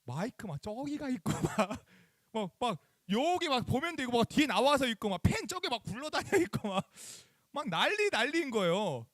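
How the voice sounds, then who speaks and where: Youth pastor, male, high and very animated delivery, dry close sound, church sermon to teens. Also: moderate pace, no room sound. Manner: animated, acts out phone calls and asks the kids questions. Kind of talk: sermon to middle schoolers. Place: church chapel.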